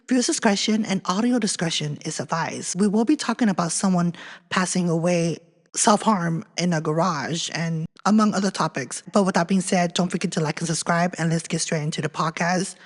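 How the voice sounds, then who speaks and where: An American woman podcast host telling spooky local urban legends in a casual, chatty, slangy storytelling way. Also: lowish voice. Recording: long hollow reverb on the voice.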